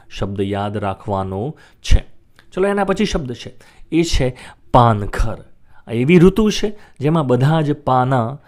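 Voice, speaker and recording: Man drilling English words slowly. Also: medium pitch, darkish tone. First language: Gujarati. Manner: repeats each word slowly several times for practice. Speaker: English teacher. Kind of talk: vocabulary lesson with repeat-after-me drills.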